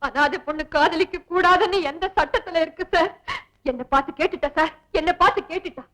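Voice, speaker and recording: High-voiced spirited young woman. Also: brisk, a bit bright, poor audio. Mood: tearful pleading. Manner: pleading, tearful outbursts. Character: young woman, frank, spirited household helper. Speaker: lead actress in a film scene. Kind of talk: 1960s film drama dialogue.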